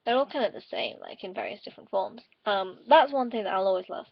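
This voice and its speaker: A tired woman rambling casually to camera in a subdued vlog, on a dull, low-quality recording. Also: fast, gravelly, dry recording. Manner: rambling, subdued and quieter than usual. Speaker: vlogger. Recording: dull lo-fi dry home recording.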